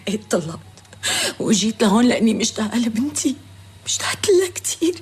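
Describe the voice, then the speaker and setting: A woman's voice: on the high side, big pitch swings, quick pace, darkish tone, breathy edge, heavily acted. An actress playing a divorced mother begging to see her daughter, in old radio drama style, with a breaking, whispery plea. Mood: pleading.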